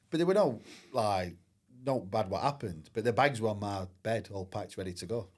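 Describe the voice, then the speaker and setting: Low-voiced man, candid. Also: expressive, normal speed, darkish tone. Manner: candid, rambling, frequent "I says" and "like". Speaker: guest, former professional footballer. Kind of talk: casual storytelling interview.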